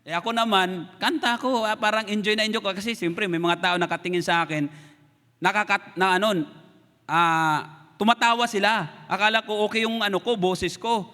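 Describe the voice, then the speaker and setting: A man's voice: sits high, moderate pace, in a large hall. A man with a Filipino accent preaching a sermon, telling personal stories and acting out what people said. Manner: storytelling, animated, acts out quoted lines. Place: church sanctuary.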